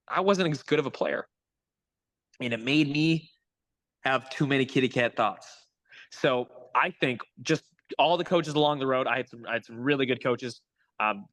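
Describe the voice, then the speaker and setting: A young man speaks as a guest hitting coach in a casual interview, keeping his tone upbeat and motivational. His voice is bright and forward, at an ordinary middle pitch. The sound is dry and close, as if over a video call. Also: normal speed, dry recording, poor audio. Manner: upbeat, motivational, pep-talk phrasing.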